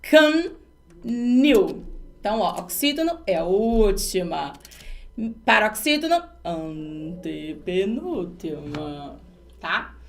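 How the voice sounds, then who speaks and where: Brazilian woman teaching grammar, higher voice. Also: big pitch swings, takes it slowly, pauses often. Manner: explains step by step, stressing terms and asking students rhetorical questions. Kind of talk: online exam-prep lesson.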